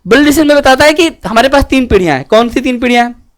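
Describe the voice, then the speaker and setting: A man teaching a class, who keeps asking the students whether they have understood and moves between joking asides and earnest advice. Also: very high-pitched. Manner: keeps checking students understood with quick questions; joking and lively, then earnest and preachy. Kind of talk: classroom lecture.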